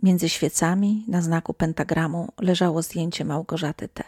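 A woman telling a first-person horror story in scripted narration, hushed and sometimes sinking to a whisper. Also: on the low side, fairly even intonation, normal speed, husky, dry recording, clean studio sound.

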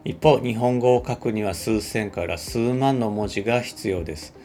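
Male computer scientist, low gravelly voice, measured explanatory delivery with fillers. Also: mellow, soft background music. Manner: measured, with frequent filler words. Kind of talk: explanatory talk.

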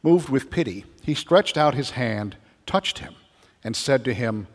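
A man serving as deacon who reads the gospel and preaches a homily in a measured way, his voice carrying a cathedral echo. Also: mid-range voice, animated. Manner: measured, stopping to restart phrases when preaching. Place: large church. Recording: long cathedral reverb.

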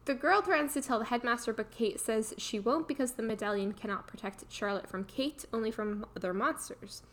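A giggly woman with a slightly high voice on a book podcast. She summarizes the plot in a casual, self-mocking way. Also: fairly quick, a bit bright. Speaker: podcast co-host.

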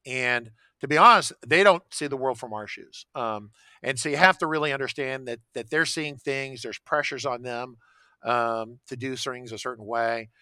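A man's voice: medium pitch, normal speed, bright, forceful tone, smooth, dry recording, clean studio sound. A man talking casually in a conversation, often restarting sentences and ending points with "right?". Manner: rambling, frequent restarts and "right?" tags. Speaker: podcast guest.

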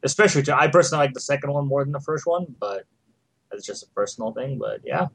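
A man's voice: medium pitch, fast talker, vocal fry, no echo. A man chatting casually as a panelist on a podcast. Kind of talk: casual chat.

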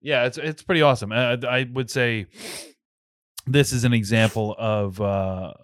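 A man's voice: mid-range voice, fairly even intonation, normal speed, dry recording. Laid-back man co-hosting a casual podcast. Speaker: podcast co-host. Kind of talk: casual chat.

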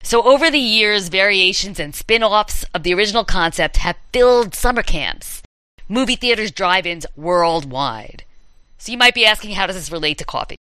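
A woman's voice: medium pitch, lively intonation, normal speed, bright, forceful tone, clear, resonant tone, no echo, rough recording. A woman hosting a chat, telling campfire horror stories in a dramatic, playful way. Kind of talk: storytelling in casual chat.

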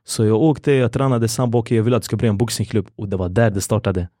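A young man spins stories in a relaxed podcast chat, slipping into the voices of people he quotes. His voice sits low and mellow. The sound is close and dry, with no room around it. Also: dry recording. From Sweden. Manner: animated storyteller acting out quoted dialogue, fillers like "du vet". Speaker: MMA fighter, guest. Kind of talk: casual storytelling interview. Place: podcast studio.

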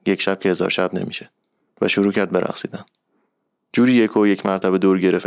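Deep gravelly man reading a story. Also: darkish tone, dry recording, clean studio sound. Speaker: narrator. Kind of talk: reading a literary short story.

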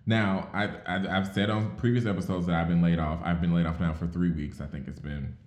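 A man co-hosting a podcast, talking casually in a fairly low voice. He is wry and backs his partner up with quick short asides. The recording has a noticeable room echo. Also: fairly even intonation, darkish tone. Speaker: podcast co-host.

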